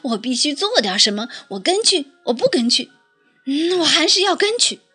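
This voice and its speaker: A woman's voice: high voice, sing-song, normal speed, sharp tone, soft background music, full character voice. A woman voicing a timid little male chick in a storybook who stammers and frets. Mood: fretful. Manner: stammering, fretful.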